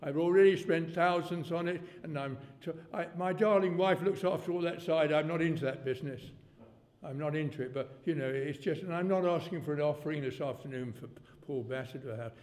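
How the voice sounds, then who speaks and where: In a church hall thick with long reverb, a man in his eighties preaches in a meandering, homespun style, suddenly getting louder to make his points. His voice is a little high and darkish in tone, and he talks fairly quickly.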